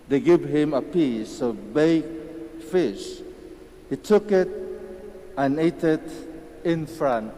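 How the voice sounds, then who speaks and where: Mellow-voiced clergyman, cathedral echo. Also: on the high side. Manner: slow, measured, solemn delivery. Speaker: clergyman reading the Gospel. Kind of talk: liturgical Gospel reading. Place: large church. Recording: long church reverb.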